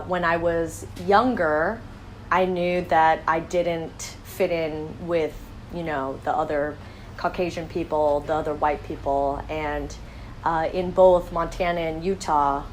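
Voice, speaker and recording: Low-voiced woman in her thirties answering interview questions. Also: a little hiss or hum, poor audio. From born in Korea, raised in the United States. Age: 30s. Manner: thoughtful, with frequent fillers and restarts. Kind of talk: reading questions and answering them herself.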